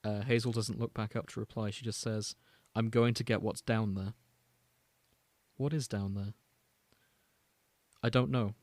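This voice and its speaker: A podcast host with a lowish, fairly even voice reads and summarizes fan fiction in an unhurried way, leaving long pauses. The close, dry recording has no room sound, and he tells the story by switching between read-out prose and casual asides.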